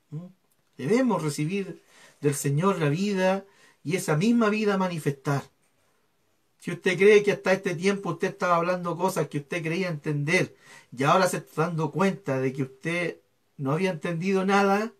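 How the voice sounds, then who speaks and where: A man's voice: sits high, moderate pace. A man preaching a sermon as pastor, often adding rhetorical tags and building to fervent passages.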